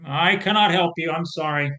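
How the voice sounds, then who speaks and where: A man playing a weary, gentle scarecrow who speaks slowly and soothingly. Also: fairly high pitch. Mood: resigned. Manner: slow, measured, gently soothing. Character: weary old male scarecrow, gentle guardian. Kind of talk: audio drama reading.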